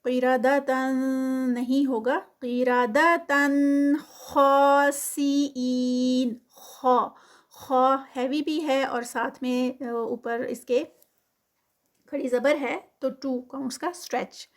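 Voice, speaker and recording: High-voiced woman teaching Quran recitation. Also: fairly even intonation. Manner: slow drawn-out recitation, then quick plain explanation. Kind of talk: tajweed lesson, explaining rules between recited phrases.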